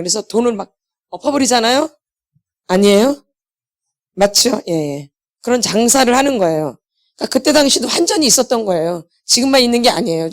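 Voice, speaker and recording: A middle-aged woman preaching to her congregation. She keeps asking them questions and answers them herself. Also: fairly high pitch. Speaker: pastor's wife leading a healing meeting. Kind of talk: sermon.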